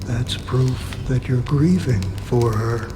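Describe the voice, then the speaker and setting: An actor playing a composed, wry male companion who gently probes, speaking deliberately with drawn-out pauses in video game dialogue. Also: mid-range voice, background noise, close to an everyday voice. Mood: gently probing. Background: music and rain.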